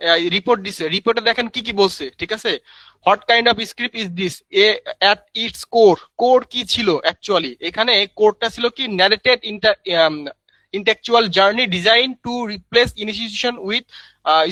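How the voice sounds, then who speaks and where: An online course instructor runs a live screen-share tutorial, chatting away, calling viewers "brother," and using lots of fillers. His voice is high-pitched, bright, and forceful; the recording is rough but has no echo.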